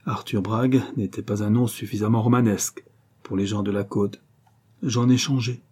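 Man doing an arrogant film star, cool and curt, low, husky. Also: steady tone, moderate pace, darkish tone.

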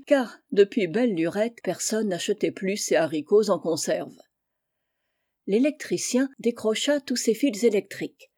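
A woman reading a storybook tale aloud, expressive, voicing the villagers in turn. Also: mid-range voice, no room sound, studio quality. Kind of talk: read-aloud storybook narration.

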